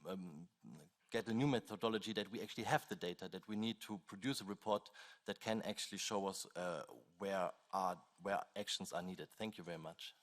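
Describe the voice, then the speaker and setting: A man asking a question in a committee, in a halting way. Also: deep voice.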